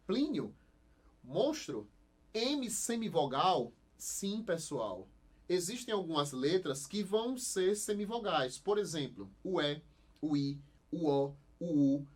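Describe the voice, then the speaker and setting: A young Brazilian man with a lively, slightly high voice gives a recorded online class, asking the students questions and answering them himself. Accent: Brazilian Portuguese. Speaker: Portuguese teacher.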